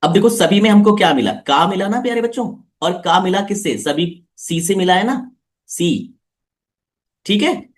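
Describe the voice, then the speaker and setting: A man's voice: high-pitched, expressive, a little slow. Guy teaching kids online, keeps coaxing them, asks stuff again and again. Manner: coaxing, repeats questions to pupils. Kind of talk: live online class for children.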